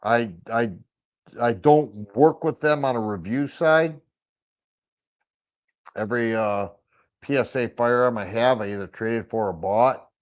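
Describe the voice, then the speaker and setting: Answering viewers in a casual chat, a Michigan firearms livestream host rambles in a raspy, medium-pitched voice, a little slowly with long pauses and plenty of stammered restarts. The stream audio is dull and lo-fi.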